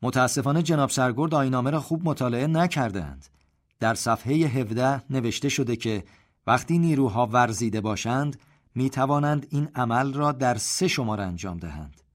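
A man voicing a young army lieutenant who answers calmly and with composure. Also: mid-range voice, hardly any pauses, husky. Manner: calm, composed. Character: young male lieutenant, calm and self-assured.

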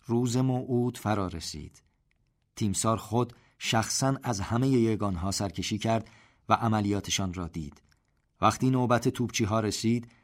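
A man narrating a story in a steady, measured reading voice. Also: lowish voice.

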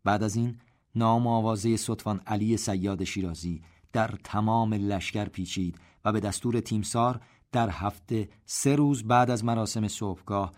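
A man narrating a story in a steady, measured reading voice. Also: fairly low pitch.

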